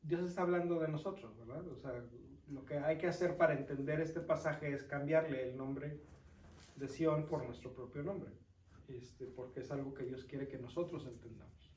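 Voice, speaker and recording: Male deacon, somewhat high pitch, scripture reading and teaching, roomy echo. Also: normal speed, a little mellow, a little hiss or hum. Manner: reads scripture aloud, then explains it and quizzes listeners. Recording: roomy sound from a distant mic.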